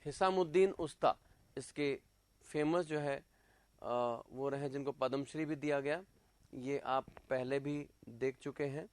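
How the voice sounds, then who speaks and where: A male teacher giving an exam-prep class lecture, dictating notes word by word and pausing on fillers as he explains. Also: medium pitch, clear, resonant tone, no echo.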